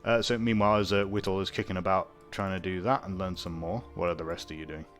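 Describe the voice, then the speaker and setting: Low-voiced male game master. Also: fast, soft background music. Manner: relaxed, hesitant, many fillers. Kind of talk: running a tabletop game.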